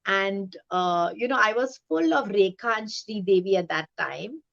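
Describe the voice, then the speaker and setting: Lively woman telling stories. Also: medium pitch, a little slow, gravelly. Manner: lively storyteller who acts out voices in anecdotes. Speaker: guest. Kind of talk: casual interview chat. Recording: dull lo-fi sound.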